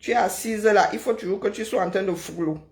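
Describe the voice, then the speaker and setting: Brisk and medium in pitch, a middle-aged woman from Kribi, Cameroon banters with her live-stream audience. She responds to viewers with teasing sarcasm and keeps adding "hein?" to her sentences.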